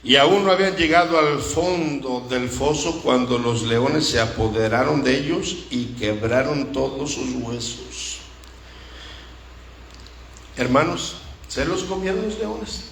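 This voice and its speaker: A man's voice: mid-range voice, takes it slowly, fairly bright tone, reverberant, a little hiss or hum. A man preaching a sermon emphatically, calling out to his congregation for responses.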